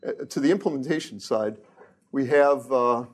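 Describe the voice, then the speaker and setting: A man's voice: medium pitch, moderate pace, husky. A middle-aged man, a research engineer, giving a casual technical lecture with joking asides and frequent restarts.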